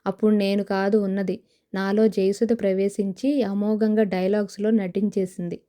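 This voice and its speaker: A woman's voice: mid-range voice, little pitch movement, moderate pace, dark tone, natural voice. A woman voicing a wistful young village woman who dreams of film stardom, in an audio novel. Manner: wistful, sighing.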